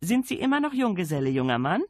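A man doing a high, imperious noble lady. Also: very animated, husky, no room sound, studio quality, full character voice. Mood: cheerful. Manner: brisk, commanding, briskly polite. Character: grand, imperious aristocratic lady of ample size. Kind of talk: audiobook character voice.

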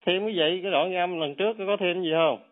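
A man's voice: high voice, fast, dry recording. A man arguing on a phone call, defiant, dismissive and taunting. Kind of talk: heated phone argument. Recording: tinny phone line, dry.

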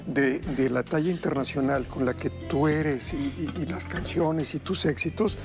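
A middle-aged man hosts a TV cooking segment on a kitchen studio set, talking through a lapel mic. He gushes with praise and drifts into little homilies. Music plays clearly underneath him. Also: fairly high pitch, measured pace. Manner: effusive, flattering, preachy. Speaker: TV cooking show host. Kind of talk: warm effusive studio chat.

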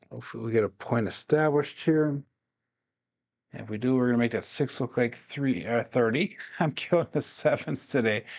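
A man's voice: medium pitch, creaky. A tired man in casual solo commentary, coaching himself and chatting with viewers between dice throws, laughing often. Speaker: craps practice streamer.

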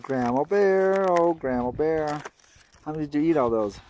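Outdoors at a campsite in the woods, a father in his thirties films a family camping vlog at arm's length, narrating casually to camera and chatting with his little kids. His voice is fairly high, animated and a little mellow, at normal speed, with slight background noise.

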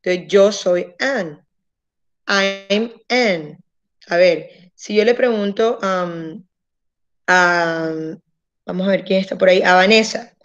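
A woman English teacher running an online class, patiently explaining grammar and slowly modelling pronunciation. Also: mid-range voice, highs cut off. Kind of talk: online language class, switching between Spanish and English.

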